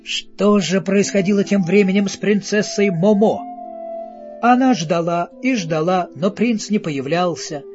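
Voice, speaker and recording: A man's voice: high-pitched, unhurried, a little mellow, faint music behind. A man narrating a fairy tale, speaking directly to the listener as a storyteller. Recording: dull lo-fi audiobook recording.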